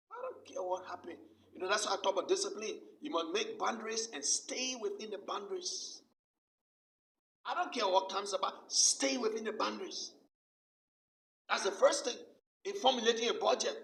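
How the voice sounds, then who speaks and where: Man, pastor, sermon, bright gravelly voice, roomy distant sound. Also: high voice, a little hiss or hum. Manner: emphatic, repeats key phrases many times.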